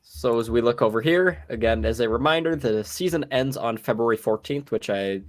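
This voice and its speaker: A young man with a mid-range voice, talking at normal speed, hosts a casual podcast chat. He sounds sick and worn out but steers the conversation in an easygoing way and runs the segment.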